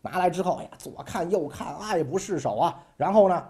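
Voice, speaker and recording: A man's voice: high voice, expressive, fairly quick, dark tone. A man telling history as a comic story, colloquial with chatty asides.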